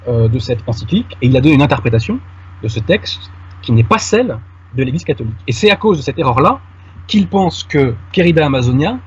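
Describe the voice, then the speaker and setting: A man's voice: a little high, slightly rough, highs cut off. A man making a detailed argument in conversation with a host, addressing him familiarly. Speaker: guest commentator. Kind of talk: conversational argument on a radio-style show.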